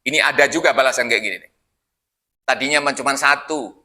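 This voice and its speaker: A man preaching at a mosque Quran study, talking folksy and animated, often addressing the listeners as "Pak" and reciting Arabic verses. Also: medium pitch, brisk. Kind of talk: sermon.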